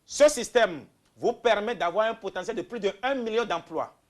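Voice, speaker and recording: A man's voice: sits high, normal speed. Emphatic man making his case. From Benin. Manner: emphatic, swings between loud bursts and quiet asides. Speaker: political candidate guest. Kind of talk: interview answers, campaign pitch.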